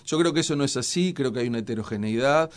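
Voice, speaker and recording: A middle-aged man with a Uruguayan Spanish accent speaks as a scientist guest in an interview. He explains at length in a measured manner, pausing often on fillers as he builds his answers. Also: medium pitch. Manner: measured, explanatory, many hesitations.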